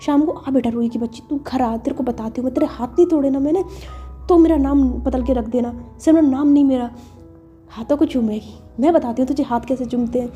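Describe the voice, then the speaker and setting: A woman's voice: sits high, fairly even intonation, fast talker, warm tone, muffled recording, faint music behind, close to an everyday voice. A woman voicing a jealous, hot-tempered young woman who mutters angrily to herself. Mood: angry. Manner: fuming, muttering threats.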